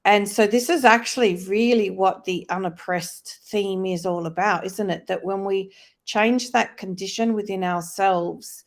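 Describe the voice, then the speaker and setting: A woman's voice: mid-range voice, unhurried. A woman co-hosting a live online discussion, speaking in a reflective, explanatory, conversational way. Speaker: co-host of a live faith-based wellness discussion. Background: plane passing loudly overhead.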